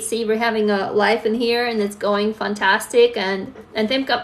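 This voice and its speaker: A young adult woman from Russia, chatting candidly with viewers on a phone livestream and reading their comments aloud. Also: mid-range voice. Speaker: livestream host. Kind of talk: casual live-stream chat.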